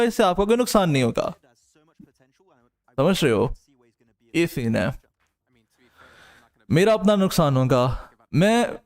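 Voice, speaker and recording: Tired young streamer, joking. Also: male voice, high-pitched, a little mellow. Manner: joking, banters with chat, lapses into crude banter. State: tired from no sleep. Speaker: streamer and caster. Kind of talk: casual chat reading live comments.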